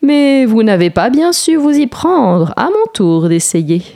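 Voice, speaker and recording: The kindly sun speaks gently and knowingly in a slightly raised storybook voice, as a woman puts it on. The sound is mellow and warm. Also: fairly high pitch, big pitch swings, takes it slowly, pitched above the performer's own voice, exaggerated voice. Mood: gentle. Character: kindly wise smiling sun.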